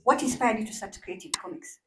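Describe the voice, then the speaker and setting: A woman's voice: mid-range voice, fast, crowd noise. A woman moderating a panel discussion, guiding the guests with encouraging questions.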